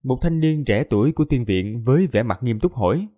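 Mellow-voiced male audiobook narrator. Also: mid-range voice, a little fast. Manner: steady storytelling.

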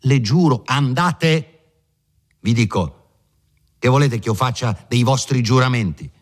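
A man's voice: deep voice, expressive, slow, a little mellow. A man voicing a pompous older country lawyer in an audiobook reading, patronizing at first, then blustering and dismissive.

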